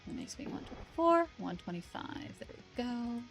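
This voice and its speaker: A woman's voice: a little high, normal speed, soft background music. A tired woman game streamer chatting casually and rambling with fillers as she wraps up her live stream. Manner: relaxed, rambling, many fillers.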